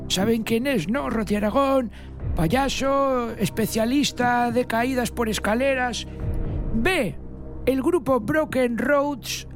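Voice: mid-range voice, slow pace, faint music behind, natural voice. A performer with a Spanish accent from Spain playing a zany professor who presents a comic radio quiz in a theatrical, mock-grand announcing manner.

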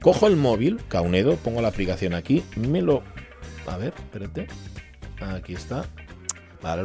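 Lively low-voiced Asturian radio host. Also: male voice. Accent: Asturian Spanish. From Asturias, Spain. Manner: chatty, joking, lively. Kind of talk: casual radio talk reading listener messages. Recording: radio studio with music bed.

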